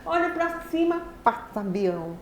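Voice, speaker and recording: A woman with a Brazilian Portuguese accent telling a personal story in a lecture, articulating words deliberately and with effort, in a lively, animated way. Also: fairly high pitch. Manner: deliberate, effortful articulation of a speaker who learned speech late. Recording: very echoey hall, faint background noise.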